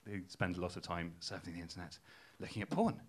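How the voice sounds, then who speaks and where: Fast and expressive, a low-voiced young man performs stand-up in front of a laughing crowd. He's a Geordie from Newcastle, England, and his hesitant, self-mocking, laid-back delivery is packed with ums.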